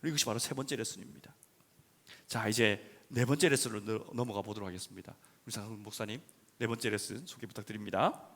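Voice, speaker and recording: A male pastor delivering a sermon in a church, swinging between quiet talk and loud emphasis. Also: lowish voice, fast. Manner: animated preaching, swinging from soft to loud emphasis.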